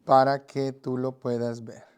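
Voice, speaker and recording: Speaking in a clear, resonant, slightly mellow mid-range voice, this evangelism teacher from Guatemala delivers a flat, measured Bible lesson on evangelism. He has a Guatemalan Spanish accent, addresses the listener directly, and uses a lot of fillers while staying earnest.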